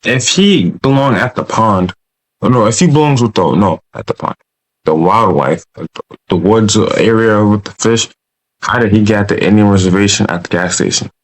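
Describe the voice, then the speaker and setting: A man's voice: fairly low pitch, moderate pace, poor audio. A man reacting as co-host in loose, slangy banter, full of "bro" and "feel me".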